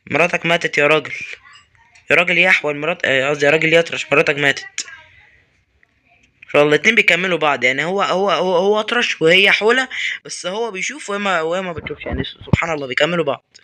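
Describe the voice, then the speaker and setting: A young man with an Egyptian Arabic accent, giving loud, excitable commentary on a horror game and yelling at its characters. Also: fairly high pitch. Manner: excitable, talks to game characters and swears at them. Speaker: gamer.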